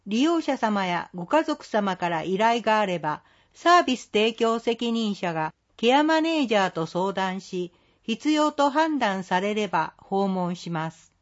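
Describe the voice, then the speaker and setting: A woman reading a scripted community announcement in a polite, measured, formal way. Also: medium pitch, very animated, lo-fi sound. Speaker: care facility staff announcer.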